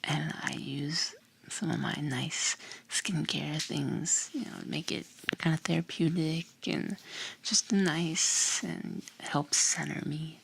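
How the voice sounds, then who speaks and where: Breathy woman whispering ASMR close to the ear. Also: sits low, fairly even intonation, poor audio. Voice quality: breathy, hushed. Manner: unhurried, gentle, soothing. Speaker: ASMR creator and host. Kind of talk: whispered ASMR bedtime talk.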